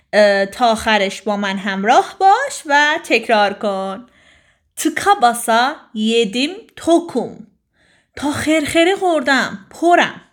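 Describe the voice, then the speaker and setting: Young woman teaching phrases, high voice, bouncy and animated, says each one for you to repeat. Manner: lively, models phrases for repetition. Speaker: language teacher. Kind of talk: language lesson.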